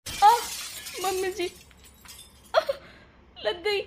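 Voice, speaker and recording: A woman voicing a gentle young daughter-in-law in a cartoon story, speaking softly and hesitantly. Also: very high voice, unhurried. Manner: soft, pleading, hesitant.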